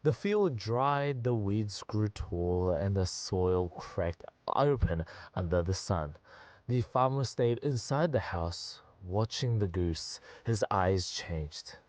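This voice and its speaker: A man narrating a story on a radio show, in a measured storytelling voice. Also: fairly low pitch, expressive, a little mellow, no room sound. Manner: measured narration, quick laughing chat. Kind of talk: scripted narration and casual chat.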